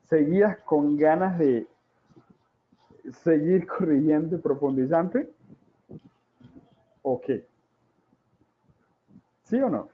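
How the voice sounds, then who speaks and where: A man in his forties giving a talk on child development, dramatic and full of rhetorical questions and drawn-out repetitions. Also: fairly high pitch. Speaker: parenting educator. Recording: tinny, phone-like sound.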